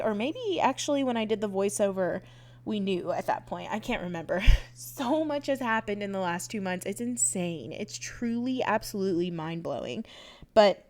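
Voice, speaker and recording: Chatty woman with a stuffy nose. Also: on the high side. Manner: rambling, chatty, laughs often. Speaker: Sims builder vlogger. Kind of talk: casual voice-over chat.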